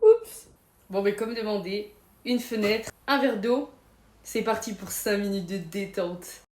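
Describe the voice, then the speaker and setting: A young woman vlogging casually, chatty and self-mocking, quick to exclaim. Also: mid-range voice, fairly even intonation, background noise. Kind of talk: casual vlog chat.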